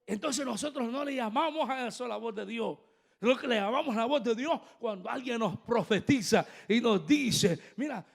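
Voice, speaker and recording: A man preaching a sermon as an apostle. He swings between soft asides and loud, emphatic passages and speaks directly to the congregation, asking them to repeat after him. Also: high voice, vocal fry.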